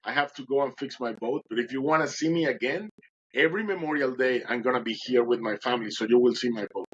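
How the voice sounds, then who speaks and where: A man's voice: mid-range voice, quick pace, fairly bright tone, highs cut off, a little hiss or hum, natural voice. A man voicing an older male fisherman in a retold story, urgent and commanding, with a kindly side.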